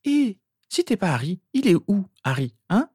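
A man voicing a skeptical, teasing teenage girl with sharp retorts. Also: high voice, huge pitch swings, normal speed, no echo, studio quality, pitched above the performer's own voice, full character voice. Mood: mocking. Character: mocking skeptical teenage girl, Harry's sister.

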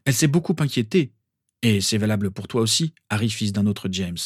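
A man's voice: lowish voice, expressive, fairly quick, breathy edge, dry recording, studio quality. A man voicing a stern but kind father. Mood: scolding. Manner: firm, scolding.

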